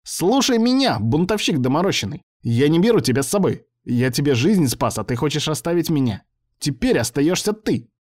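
A man voicing an irritable male professor who lives inside a laptop, shouting orders and sneering. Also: mid-range voice, animated, moderate pace, pitched above the performer's own voice, natural voice. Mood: furious.

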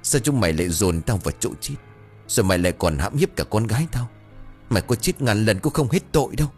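A vengeful female ghost, put on by a man in a spoken ghost story. She is cold and sharp-tongued, wavering between tears and laughter. The voice is husky and lively in pitch. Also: quick pace, soft background music. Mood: vengeful wailing.

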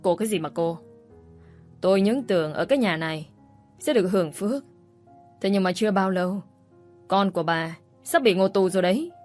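A woman's voice: medium pitch, expressive, a little fast, pauses often, a little mellow, faint music behind, natural voice. Woman reading as a spiteful scolding young woman. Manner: harsh, scolding. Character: spiteful scheming young woman, shrill bully.

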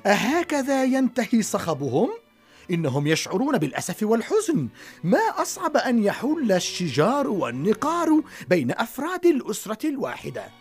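A woman narrating a children's story in an expressive, dramatic way. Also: on the high side, brisk, slightly rough, faint music behind.

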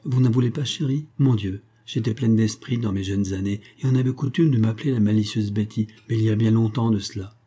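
A man's voice: fairly low pitch, a little fast, few pauses, mellow, husky. A man reading a storybook aloud, voicing a cunning, spiteful old grandmother who coaxes and wheedles. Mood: wheedling. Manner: wheedling, calls everyone dear.

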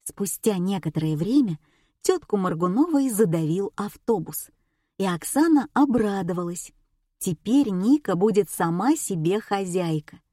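A woman narrating an audiobook in a steady storytelling read. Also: medium pitch, measured pace, no room sound, clean studio sound. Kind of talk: scripted narration.

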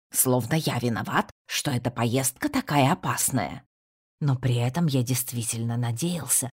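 A woman narrating an audiobook in a steady, even storytelling manner. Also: very deep voice, slightly rough. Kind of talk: scripted narration.

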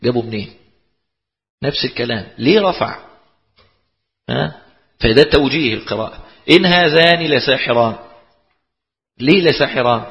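A man's voice: mid-range voice, normal speed, pauses often. A man with an Egyptian accent teaching a class, explaining points and posing rhetorical questions that he then answers himself. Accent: Egyptian Arabic. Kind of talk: lecture explaining a text. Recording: lo-fi recording in a reverberant hall.

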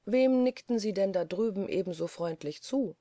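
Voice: medium pitch, animated, normal speed, warm tone, dry recording, clean studio sound, natural voice. A reader voicing a troubled young woman in an audiobook, earnest and reproachful. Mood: wondering. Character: uneasy young woman, the doctor's sister. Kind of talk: audiobook character voice.

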